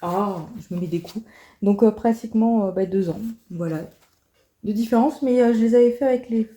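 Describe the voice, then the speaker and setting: A woman's voice: medium pitch, moderate pace. A woman vlogger chatting casually about her coloring books, with lots of fillers and restarts. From France. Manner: chatty, many fillers and restarts, soft asides. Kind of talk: casual vlog chat.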